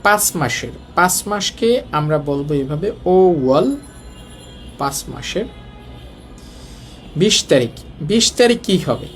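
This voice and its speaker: A man's voice: a little high, sing-song, moderate pace, pauses often, fairly bright tone, soft background music. A man with a colloquial Dhaka Bengali accent teaching a Korean lesson, explaining step by step and asking the class rhetorical questions. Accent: Bangladeshi Bengali, colloquial Dhaka speech.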